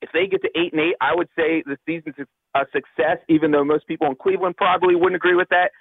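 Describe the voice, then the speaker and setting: A man from Cincinnati calling in over the phone as a guest analyst on a sports radio show, talking fast and sure of himself with plenty of fillers. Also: on the high side, steady tone, breathy edge, no room sound. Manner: quick, confident, thinks aloud with fillers. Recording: tinny phone line.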